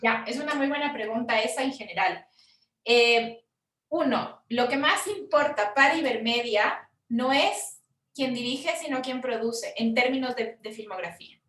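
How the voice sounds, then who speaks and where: Chilean woman, film producer, higher voice, frank workshop talk, roomy room, set back from the mic. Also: fairly bright tone, distant mic. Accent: Chilean Spanish. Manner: frank, conversational, quick asides. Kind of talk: explaining in a workshop.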